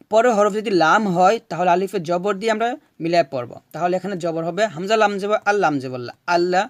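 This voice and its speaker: A man teaching Quran recitation, chanting verses slowly and explaining each rule patiently, asking questions and answering them himself. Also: high voice, dry recording. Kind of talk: recitation lesson.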